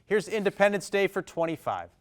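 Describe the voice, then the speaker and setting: A very animated man with a Maine accent hosts a televised high school quiz show in a TV studio. He reads the questions briskly and reacts quickly to the answers.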